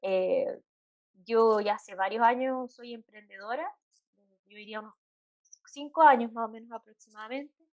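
A woman from Chile with a Chilean Spanish accent, a psychologist chatting as a guest, with many fillers and soft laughs. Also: fairly high pitch, normal speed, pauses often, no room sound, dull audio. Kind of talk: casual interview chat.

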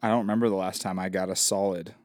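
A man's voice: sits low, flat delivery, fast, a little mellow, no room sound, studio quality. A married man co-hosting a casual chat, easygoing and asking curious questions.

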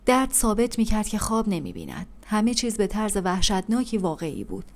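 A woman reads a literary audiobook aloud in a calm, even storytelling manner. Her voice is mid-pitched and steady. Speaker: audiobook narrator. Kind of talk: scripted audiobook narration.

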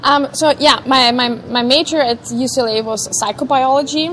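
A woman in her late thirties talks as an interview guest, her voice sitting a little higher than most. She speaks thoughtfully and haltingly, with frequent pauses, and a faint hum of room noise sits underneath. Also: fairly even intonation, a bit bright. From Vienna, Austria. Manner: hesitant, thoughtful, many pauses. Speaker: guest, neuroscientist. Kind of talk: casual interview chat.

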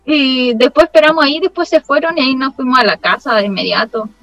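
A woman's voice: sits high, quick pace, no echo, poor audio. A young woman with a Chilean accent, a former missionary, telling a story in casual chat and often saying 'como'. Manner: lively storytelling, leans on the filler 'como'.

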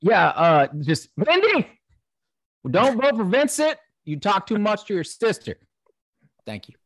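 A man playing a clueless male debate candidate who talks in a confused, halting, deadpan way. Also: high voice, no echo, clean studio sound, exaggerated voice.

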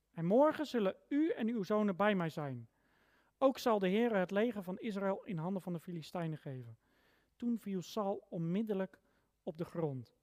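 A preacher delivers a sermon in a mid-range voice, reading a long Bible passage aloud. Single words are pressed out with force before the voice falls back quietly. The sound carries a long reverb from a large church hall. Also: medium pitch. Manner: emphatic, stressing single words with sudden rises and drops in loudness.

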